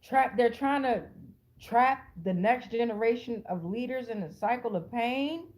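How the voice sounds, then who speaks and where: A low-quality recording captures an American woman's somewhat high, slightly mellow voice at a measured pace. The channel's tarot reader improvises a relaxed reading for her audience online, talking bluntly and profanely with a streetwise edge and returning to phrases to drive them home.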